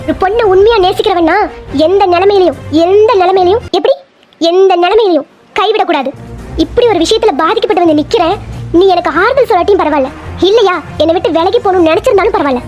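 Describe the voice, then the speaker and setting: A woman's voice: very high-pitched, fast, darkish tone, muffled recording, soft background music. A woman voicing a wronged young college woman, emotional and defiant, in a cartoon. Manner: pleading then defiant, emotional.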